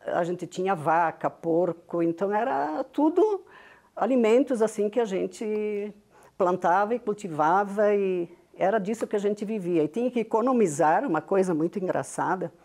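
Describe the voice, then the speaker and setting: This guest, an older business founder from Rio Grande do Sul in southern Brazil, shares her story on an interview show and leans on tag questions. Her first language was Venetian Italian, and her Brazilian Portuguese has a heavy Italian-Venetian accent. Her mid-range voice is warm and expressive, with a moderate pace.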